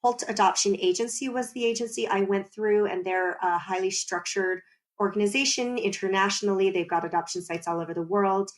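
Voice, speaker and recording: An American woman with a medium-pitched voice talks a little fast as a guest on a conversational podcast interview. She's an animated storyteller who laughs often and explains things at length.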